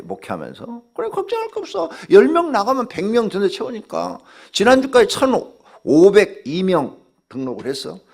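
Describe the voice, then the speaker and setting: Gravelly older Korean pastor, scolding. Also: male voice. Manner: scolding, blunt, acts out dialogue with sudden pitch jumps. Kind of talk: dawn sermon.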